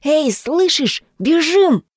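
A woman's voice: high-pitched, very animated, takes it slowly, dry recording, clean studio sound, pitched above the performer's own voice, exaggerated voice. A woman voicing a nervous young man who keeps watch and begs his friend to run. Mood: anxious. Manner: anxious, pleading, urgent.

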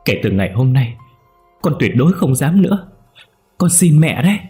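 A man's voice: mid-range voice, very animated, normal speed, mellow, faint music behind, pitched above the performer's own voice, natural voice. A man voicing a terrified young man who stammers and begs tearfully for help. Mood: pleading. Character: frightened young man, pleading gambler son.

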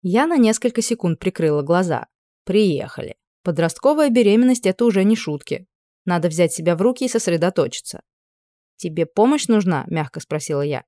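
Woman narrating dryly, low voice. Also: expressive, fairly quick, dark tone, dry recording, studio quality. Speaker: audiobook narrator. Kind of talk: scripted narration.

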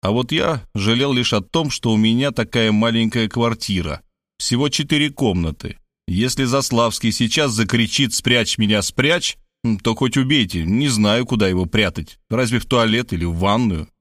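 A man narrating a first-person audiobook in a plain, even storytelling manner and acting out the dialogue. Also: medium pitch, moderate pace, no room sound, clean studio sound.

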